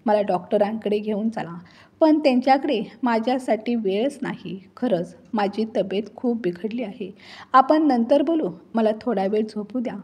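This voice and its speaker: Woman reading as a feverish young wife, weary and pleading, breathy. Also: a little high, unhurried, darkish tone.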